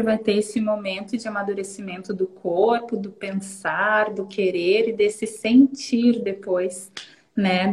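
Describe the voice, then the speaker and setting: A woman's voice: medium pitch, a little mellow, low-quality recording. A woman educator from Brazil, explaining conversationally with examples during a live talk.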